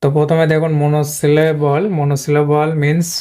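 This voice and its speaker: Slow-explaining man teaching with a smooth voice. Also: fairly high pitch, monotone, mellow. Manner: slow, halting, repeats words while pointing at the board. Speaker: English teacher. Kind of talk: explaining a lesson.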